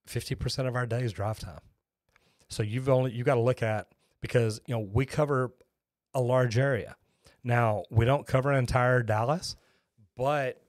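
A man in his 50s from Texas, a master plumber, hosts a plumbing live stream and chats with viewers in a folksy, rambling way, often restarting his sentences. He speaks into a close boom-arm studio microphone in a small home studio with shelves. His voice is mid-range and the recording is dry.

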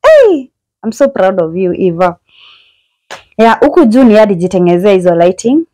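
A chatty young Kenyan woman vlogger narrates a casual tour of her small bedsitter, her medium-pitched voice sing-song, warm and a little fast. She sounds admiring and mixes English with Swahili slang, with no echo in the recording.

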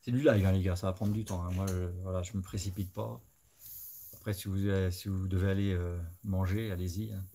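A man's voice: sits low, steady tone, fairly quick, mellow. A man hosting a live stream, chatting casually, thinking aloud and talking straight to his viewers. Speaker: host of a live scale-modeling stream.

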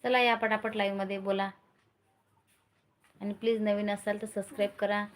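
Middle-aged woman, flat level delivery, live-stream host, short repeated calls to viewers. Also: medium pitch, normal speed. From Maharashtra, India. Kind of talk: casual live-stream chat.

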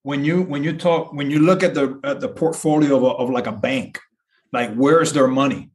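A middle-aged insurance broker, originally from Puerto Rico and later living south of Boston, appears as a podcast guest. He explains things earnestly and conversationally, repeating phrases for emphasis. His mid-range voice is slightly mellow and moves at a moderate pace.

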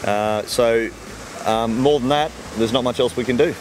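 Standing outdoors by the farm ponds, a middle-aged Australian fish farmer answers questions at a normal pace in a medium-pitched voice. His manner is easygoing, and he keeps explanations simple with everyday comparisons. The interviewer holds a handheld mic for him, and a little hiss or hum can be heard.

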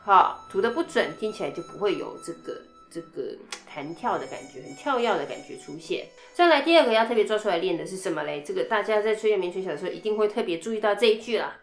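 A woman's voice: medium pitch, animated, quick pace, few pauses. A woman teaching flute technique in a chatty way, breaking down each passage and singing rhythm syllables, with a Taiwanese Mandarin accent. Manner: chatty, explains step by step with sung rhythm syllables. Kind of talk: instrument technique lesson. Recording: echoey room, faint music.

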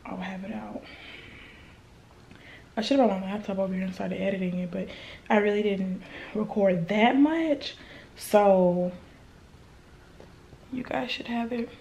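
A woman's voice: mid-range voice, moderate pace, pauses often, mellow, slight background noise. A young woman chatting casually to her camera in a vlog, indoors at a relative's house, sometimes dropping to a near whisper. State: a bit out of breath. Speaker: vlogger. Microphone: handheld camera.

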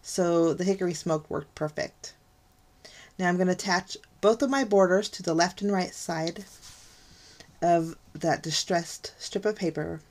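A middle-aged woman who hosts a card-making channel speaks a little slowly, her voice low and a little mellow. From her craft desk, with an overhead camera trained on her hands, she gives a casual tutorial voice-over, chatting through each step, gushing at how pretty things are, and letting out frequent ums and light laughs.

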